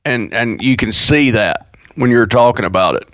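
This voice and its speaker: North Alabama man, halting speech. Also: medium pitch, expressive, a bit bright, no room sound. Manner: halting, searching for words. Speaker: guest. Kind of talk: casual conversation.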